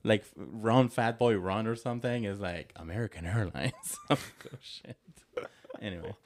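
A man's voice: on the low side, normal speed. A man co-hosting a podcast in casual chat, joking, rambling and laughing often. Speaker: podcast co-host.

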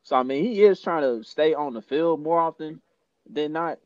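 A man's voice: on the high side, normal speed, a little mellow, no echo, dull audio. A man hosting a sports podcast in casual chat, running through headlines and laughing often. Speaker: podcast host.

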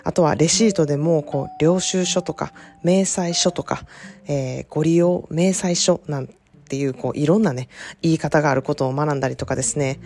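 A woman's voice: low-pitched, moderate pace, mellow. A woman with an Osaka accent hosting a podcast, chatting casually with frequent fillers and small laughs. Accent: Osaka Kansai dialect. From Japan. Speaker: podcast host, self-care consultant.

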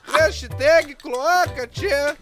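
A man's voice: extremely high pitch, a bit bright, soft background music. Man chanting through an echo. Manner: drawn-out slow chanting. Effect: echo effect on the voice. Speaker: comedy show co-host. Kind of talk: crude comedic banter.

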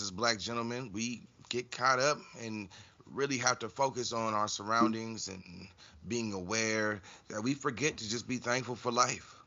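A man's voice: fairly low pitch, pushed and bright, lo-fi sound, slight background noise. A man hosting a casual podcast, addressing listeners directly. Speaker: podcast host.

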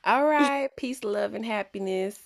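A woman from Texas co-hosting a podcast in casual chat, blunt and joking, swinging between loud bursts and soft asides. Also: fairly high pitch, a little slow, creaky. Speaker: podcast co-host.

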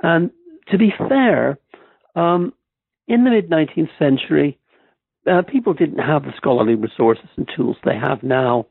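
A man's voice: a little high, animated, a little slow, vocal fry, dry recording. A man with an Irish accent, a historian being interviewed on a podcast, who talks in a hesitant way with many ums and restarts. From Ireland. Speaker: guest historian. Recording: tinny phone-like line.

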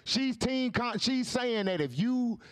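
A man hosting a podcast, talking loud and fast, animated and profane, repeating himself as he riles up the panel. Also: extremely high pitch, clean tone, no room sound. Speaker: host.

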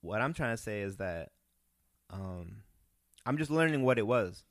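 A young man from Peru, a comedian, telling rambling, animated stories in a casual podcast chat. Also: on the low side, measured pace, no echo, studio quality. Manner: rambling, animated storytelling with restarts. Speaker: guest comedian.

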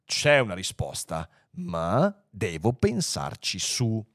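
A man voicing a calm, solemn, ancient male supercomputer, speaking low and slowly. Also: no echo, clean studio sound, full character voice. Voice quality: slow, low, deliberate.

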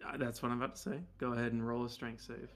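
A man, narrating a tabletop game as game master in a relaxed, easygoing way. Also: mid-range voice, fast, a loud crowd.

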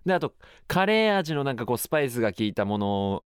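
A man's voice: medium pitch, very animated, fast, clean tone, no echo, clean studio sound. A man hosting his own radio show, chatting casually and musing aloud in a rambling way. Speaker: radio host. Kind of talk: casual solo radio talk.

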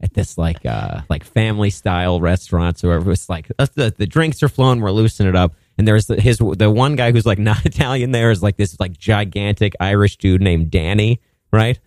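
A man tells a casual comic story. His voice is on the low side and recorded dry, and he talks in a halting, self-deprecating, conversational way. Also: lively intonation, a little mellow, no echo.

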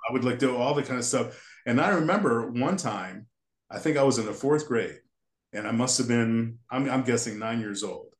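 Older interview guest from the United States, mid-pitched voice, meandering storyteller, roomy reverberant recording. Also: male voice, normal speed. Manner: rambling, restarts sentences often. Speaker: guest, character designer. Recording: echoey room.

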